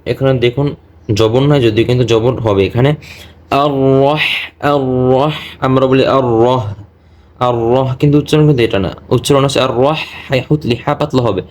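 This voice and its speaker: A man teaching Quran pronunciation, who explains quickly and then recites verses slowly and drawn out. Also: medium pitch, a little mellow.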